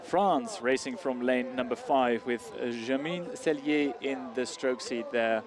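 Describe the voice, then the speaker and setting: A man calling a rowing race live as a commentator, with hesitant phrasing full of small pauses. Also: mid-range voice. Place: outdoor regatta commentary spot beside the grandstand. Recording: crowd noise behind. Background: crowd.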